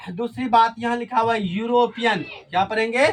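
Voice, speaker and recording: High-voiced teacher quizzing a class. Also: male voice, steady tone, moderate pace, background noise. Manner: call-and-response questioning, repeats key words. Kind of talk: classroom grammar lesson.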